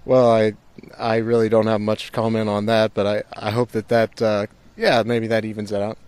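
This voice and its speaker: Smooth low-voiced male ballplayer. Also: little pitch movement, normal speed, darkish tone, no room sound. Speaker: baseball player. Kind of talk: casual interview answer.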